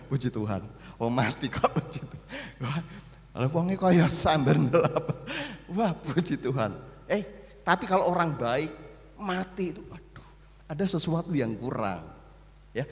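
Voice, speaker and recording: A man preaching a sermon as pastor, animated, acting out mourners and gossip in small voices. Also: fairly high pitch. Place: church hall. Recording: echoey church hall with long reverb.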